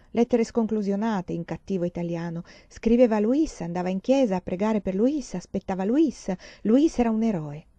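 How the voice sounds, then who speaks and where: Mellow-voiced woman reading a novel aloud. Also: mid-range voice, no echo, muffled recording. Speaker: audiobook reader.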